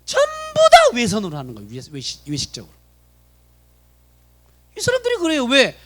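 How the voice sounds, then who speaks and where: Male pastor delivering a church sermon; very high, highly expressive pitch, rhetorical questions to the congregation. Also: moderate pace. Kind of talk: sermon at a Friday prayer meeting. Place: church sanctuary.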